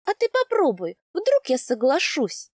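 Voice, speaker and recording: A woman's voice: sits high, animated, no echo, clean studio sound. A woman voicing a fiery coaxing young wife. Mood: pleading. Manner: bright, pleading, quick to flare up. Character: spirited young wife, quick-tempered and coaxing.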